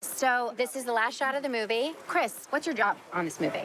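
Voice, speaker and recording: A woman interviewing someone on set with quick, direct questions. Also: on the high side, expressive, fairly bright tone, slight background noise.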